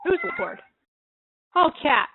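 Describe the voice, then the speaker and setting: A woman's voice: takes it slowly, a little hiss or hum. A woman hosting a drawing livestream, chatting casually and laughing often as she works. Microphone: computer mic she adjusts. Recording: narrow phone-like sound.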